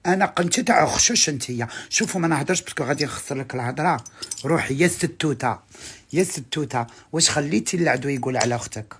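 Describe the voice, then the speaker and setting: A woman's voice: sits low, slightly rough. Fiery Algerian woman ranting. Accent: Algerian Arabic. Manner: angry, scolding, insults and shouting outbursts. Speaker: social media commentator. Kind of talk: heated direct-to-camera rant.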